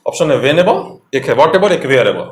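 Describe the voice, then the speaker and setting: A man's voice: fairly high pitch, big pitch swings, a little slow. Man teaching grammar in an echoey room. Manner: explains step by step, quizzing the viewer. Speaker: English teacher. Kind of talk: exam-prep grammar lecture.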